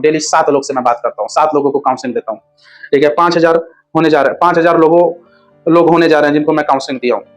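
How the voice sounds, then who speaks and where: Blunt high-voiced man giving advice. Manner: blunt, crude, scolding, addresses viewers as brother. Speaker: relationship advice host.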